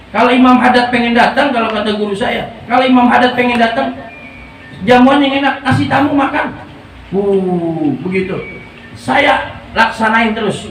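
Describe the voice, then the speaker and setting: Lively preacher in an echoey hall. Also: male voice, very high-pitched. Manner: lively, joking, slangy. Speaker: religious preacher. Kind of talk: informal sermon with storytelling. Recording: echoey, distant room mic with faint ambient noise.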